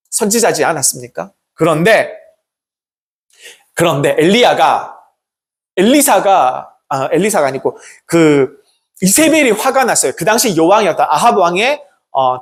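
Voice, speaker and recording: A church pastor delivering a sermon in an animated voice that swings up and down in pitch. The preacher speaks emphatically, retells scripture stories in a chatty way and keeps turning to the congregation with rhetorical questions. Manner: self-deprecating asides.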